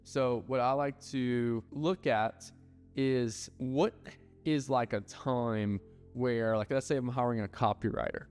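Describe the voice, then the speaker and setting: A man's voice: mid-range voice, fairly even intonation, takes it slowly, darkish tone, smooth. A man giving casual business advice, blunt and loose, with lots of filler words and the odd swear. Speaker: ad agency owner. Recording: hall reverb with faint music.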